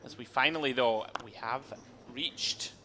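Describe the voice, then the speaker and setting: A man's voice: mid-range voice, measured pace, bright, forceful tone, slight background noise. A man co-commentating a poker tournament live, giving conversational analysis in wry, wordy turns of phrase over music.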